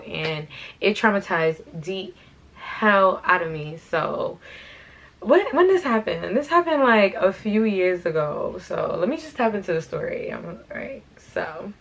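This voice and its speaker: A young woman who hosts a fashion channel rambles through a casual, slangy story time, peppering it with "like" and "you know what I'm saying" while she does her hair. Her slightly low, somewhat bright voice has a light rasp because she's been sick, and the recording is rough.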